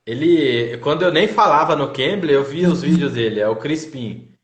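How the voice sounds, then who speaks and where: A man's voice: a little high, animated, moderate pace. Man chatting in a roomy echo. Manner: storytelling, hesitant, fillers and tag questions. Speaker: host of a live stream. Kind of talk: casual chat.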